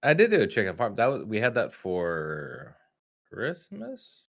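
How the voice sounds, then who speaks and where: A man's voice: fairly low pitch, a little slow, no room sound, clean studio sound. A man co-hosting a casual cooking podcast, joking around and laughing often. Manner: jokey, laughs often, lively delivery. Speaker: podcast co-host. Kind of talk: casual chat.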